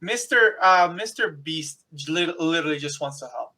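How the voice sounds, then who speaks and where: A man's voice: a little high, lively intonation, moderate pace, sharp tone. A man co-hosting a casual podcast, emphatic and insistent, often repeating himself. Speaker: podcast co-host.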